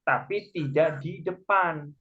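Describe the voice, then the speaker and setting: A man's voice: on the high side, takes it slowly, a bit bright, slightly rough. A man teaching a Korean language class online, patiently explaining each point step by step. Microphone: video call. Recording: muffled video call audio.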